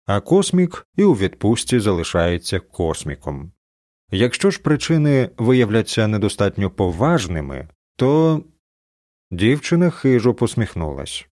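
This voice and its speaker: Expressive male audiobook narrator. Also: on the low side, measured pace, no room sound, clean studio sound. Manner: expressive storytelling. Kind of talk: scripted narration.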